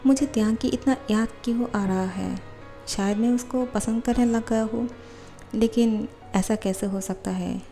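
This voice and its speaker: A woman voicing a shy young man who muses quietly to himself, lovesick and unsure. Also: a little high, fairly even intonation, measured pace, faint music behind. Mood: wistful. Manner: quiet musing inner voice.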